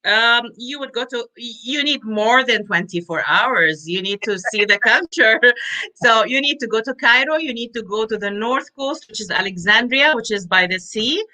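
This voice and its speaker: Chatty Egyptian-born woman, bright voice. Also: a little high, expressive, moderate pace, rough recording. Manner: chatty, laughs often, restarts sentences. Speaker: guest, business consultant. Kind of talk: casual interview chat.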